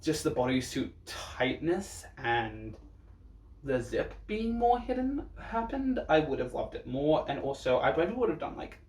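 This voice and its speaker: A man's voice: a little high, very animated, a little slow, darkish tone. A man with a sassy, campy drag queen manner giving casual, blunt reaction commentary. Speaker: drag performer reviewing looks. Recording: roomy echo, distant microphone.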